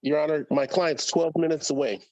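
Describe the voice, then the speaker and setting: A man, an attorney, speaking politely and formally to a judge over a garbled, low-quality stream. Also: steady tone, fairly quick, a little mellow. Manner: polite, deferential. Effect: garbled low-quality stream audio. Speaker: attorney calling into a virtual court hearing. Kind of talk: formal courtroom address. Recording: dull lo-fi video-call audio with music behind.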